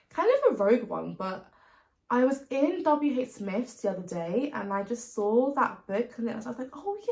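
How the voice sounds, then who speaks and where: A British woman with a mid-range voice and some vocal fry chats casually to camera as a book vlogger, talking through her reading plans. She's informal and chatty, often repeating things for emphasis, and the recording sounds roomy.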